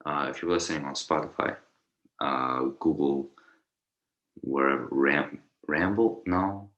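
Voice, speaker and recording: A man's voice: a bass voice, measured pace, fairly bright tone, highs cut off. A young man co-hosting a casual podcast chat, rambling through his thoughts with lots of fillers and restarts. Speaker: podcast co-host.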